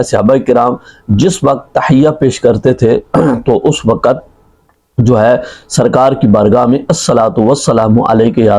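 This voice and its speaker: Male mufti, measured rebuttal speech, dark mellow tone, Arabic recitation and book citations. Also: medium pitch, poor audio.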